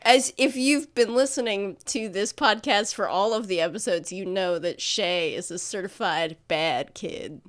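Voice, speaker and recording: A woman co-hosting a podcast in casual chat, bantering quickly with frequent giggles and teasing. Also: medium pitch. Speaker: podcast co-host.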